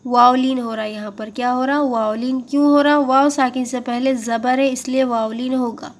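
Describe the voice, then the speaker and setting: High-voiced woman teaching Quran recitation. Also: steady tone. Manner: slow, drawn-out model recitation between explanations; patient, repeats and checks understanding. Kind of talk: step-by-step tajweed lesson.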